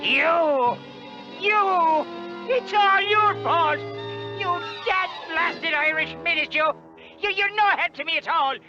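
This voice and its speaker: An actor playing a cranky, exasperated prospector with a wailing delivery in a vintage TV western. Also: male voice, very high voice, expressive, takes it slowly, exaggerated voice. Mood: furious. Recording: dull vintage TV soundtrack with music.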